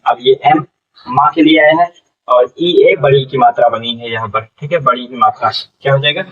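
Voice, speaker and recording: Slow, repeating male teacher, distant mic. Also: mid-range voice. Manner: slow, spells out syllables, repeats questions to students. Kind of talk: classroom phonics lesson. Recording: dull lo-fi sound from a distant mic.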